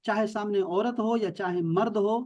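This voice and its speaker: A man's voice: high-pitched, steady tone, a little mellow, lo-fi sound. A man from Pakistan teaching Arabic in an online class, explaining patiently, repeating words and checking that his students follow.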